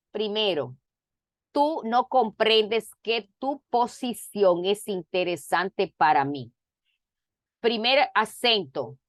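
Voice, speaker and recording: A woman teacher on a video call, working through a grammar lesson in a slow, deliberate way and repeating each point. Her voice comes across dry, with no room sound around it. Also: medium pitch, no room sound. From Dominican Republic.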